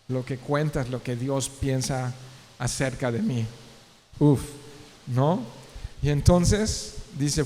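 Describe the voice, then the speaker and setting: Male pastor, a bit high-pitched, preaching casually to his church, echoing hall sound. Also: dark tone, a little hiss or hum. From Mexico. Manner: conversational preaching with asides and rhetorical questions. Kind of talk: verse-by-verse sermon. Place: church sanctuary. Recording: long church reverb.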